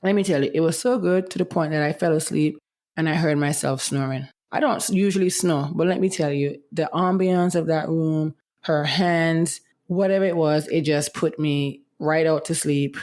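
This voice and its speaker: A young female podcast host talks candidly on her casual solo show, frequently using the phrase "let me tell you," while medication colors her voice. The tone is low and a little mellow, at a normal speed.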